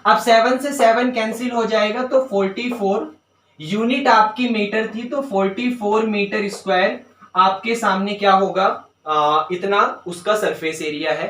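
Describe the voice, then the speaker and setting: A man teaching a maths lesson step by step, often checking whether students follow and slowly dictating terms as he writes. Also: high voice, fairly even intonation, fairly bright tone, recorded from a distance. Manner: dictates English terms slowly while writing. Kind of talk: board-work maths lesson. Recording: roomy sound, voice away from mic.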